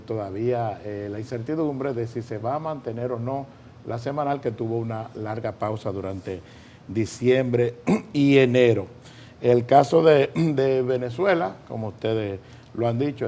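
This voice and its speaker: Mellow Dominican man presenting morning news. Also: on the low side. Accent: Dominican Spanish. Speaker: morning news show co-host. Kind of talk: conversational news presenting and commentary. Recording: light background noise.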